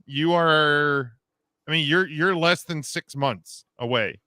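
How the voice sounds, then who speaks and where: Bright, crisp-voiced man in his thirties. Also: on the high side, slow pace, dry recording, clean studio sound. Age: 30s. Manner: loose, joking, reads news with fillers. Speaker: podcast host. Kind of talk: casual podcast chat and news rundown.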